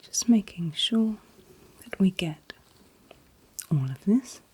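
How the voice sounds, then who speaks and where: Woman, whispered role-play, very breathy, slow pace, calm attentive dentist, gentle reassurance. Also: medium pitch. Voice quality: breathy, mostly unvoiced whisper. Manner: gentle, reassuring, unhurried instructions. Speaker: ASMR performer playing a dentist.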